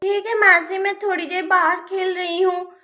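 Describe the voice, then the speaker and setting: A woman's voice: very high voice, flat delivery, moderate pace, pushed and bright. A woman doing a chirpy little village girl. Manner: chirpy, eager.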